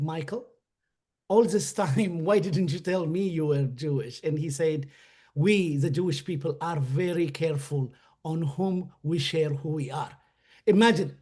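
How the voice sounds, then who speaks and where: A man from Ethiopia speaks with a notably high, light voice. He tells his story as a webinar guest, earnest and halting, with frequent fillers and restarts. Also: darkish tone.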